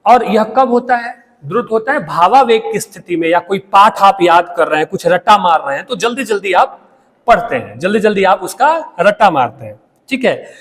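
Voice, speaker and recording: A man teaching a Hindi lesson, explaining slowly with pauses and checking in with "theek hai". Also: sits high, lively intonation, a bit bright, in a large hall. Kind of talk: classroom lecture.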